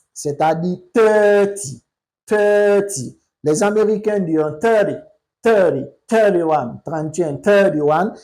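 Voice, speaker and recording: Slow, mellow English teacher. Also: medium pitch, poor audio. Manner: slow and deliberate, repeats words for pronunciation. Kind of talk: slow spoken language lesson.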